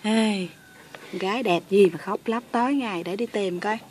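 A woman's voice: medium pitch, moderate pace, a little mellow, a little hiss or hum, pitched below the performer's own voice, lightly acted. A woman voicing a grumpy, bossy male toy dinosaur that grumbles and teases. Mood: grumbling. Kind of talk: toy play voice acting.

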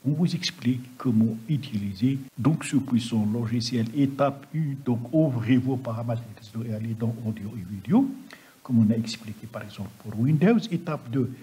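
A man with a husky, rough voice narrating a step-by-step screen-recording tutorial. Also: mid-range voice, expressive, moderate pace, dark tone. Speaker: software tutorial presenter. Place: voice-over on a computer screen recording.

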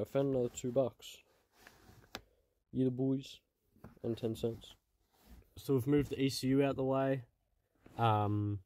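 This clip has a car project vlogger, a man with a warm, mid-range voice, narrating casually from a cramped car footwell. He's out of breath and mutters and swears as he works.

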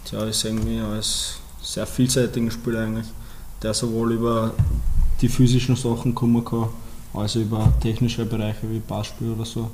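Flat-voiced young man. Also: fairly low pitch, moderate pace, slight background noise. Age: 20s. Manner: even, flat delivery with many fillers. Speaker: footballer. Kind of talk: interview answers.

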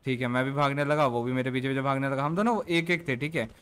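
A man's voice: medium pitch, quick pace, a bit bright, clear, resonant tone. A man in casual roleplay voice chat, telling a long story and swearing freely, with filler checks between beats. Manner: keeps saying "ठीक है" between beats.

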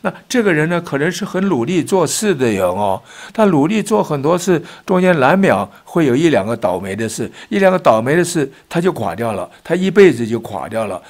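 A man's voice: fairly high pitch, brisk, few pauses. An older man hosting a political commentary show, telling folksy stories and acting out the voices he quotes. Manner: folksy, acts out quoted voices, lively emphatic delivery.

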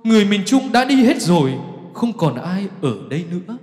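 A desperate monk cries out in a strained, high wail, put on by a man reciting a dream poem. The timbre stays dark and mellow under the raised pitch, and a long hall reverb trails every phrase. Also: big pitch swings, normal speed, faint music behind. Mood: pleading.

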